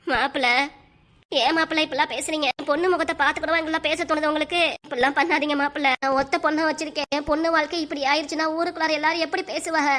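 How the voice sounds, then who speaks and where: Brief: woman playing a fretful cartoon mother with a Kanyakumari Tamil accent, high and fast. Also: steady tone, a bit bright. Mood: pleading. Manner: pleading, lamenting. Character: anxious village mother, middle-aged, pleading and lamenting. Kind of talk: cartoon voice acting.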